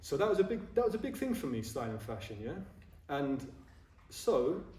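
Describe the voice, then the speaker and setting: A man's voice: fairly high pitch, big pitch swings, moderate pace, warm tone. Chatty man in his forties, echoey room. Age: 40s. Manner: chatty and self-mocking, keeps checking in with "yeah?". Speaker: ordained Buddhist speaker giving a talk. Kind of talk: informal dharma talk to a group. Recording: roomy echo, voice from a distance.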